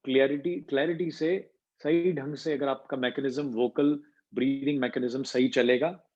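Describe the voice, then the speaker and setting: A man's voice: medium pitch, steady tone, normal speed, darkish tone. A man teaching an online voice class as coach. He explains each point and mixes English terms into his talk. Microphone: video call. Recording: dull lo-fi call audio.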